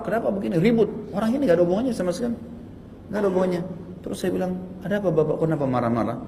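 Emphatic man lecturing in an echoey hall. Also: slight background noise. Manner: animated, emphatic, rising pitch on rebukes. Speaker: religious teacher. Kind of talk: Islamic study lecture.

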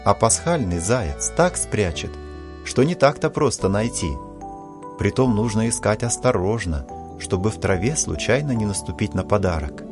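A man voicing an eager schoolboy who boasts about holiday treats in a lively, excited way. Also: fairly low pitch, normal speed, over music, pitched above the performer's own voice.

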